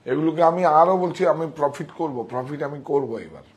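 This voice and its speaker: A man showing sarees in a live sales pitch, talking excitedly, repeating himself and directing helpers. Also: quick pace, a little hiss or hum. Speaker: saree shop seller.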